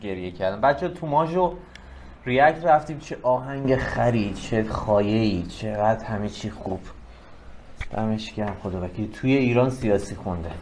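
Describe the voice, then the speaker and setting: A man co-hosting a casual music reaction chat, joking and excitable. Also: on the low side, slight background noise. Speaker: co-host of a music reaction video.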